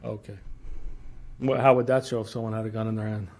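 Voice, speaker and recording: Halting male lawyer in a courtroom recording. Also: on the low side, level tone, vocal fry, a little mellow. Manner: halting, repeats words, pressing questions. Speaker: defense attorney cross-examining. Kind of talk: courtroom cross-examination.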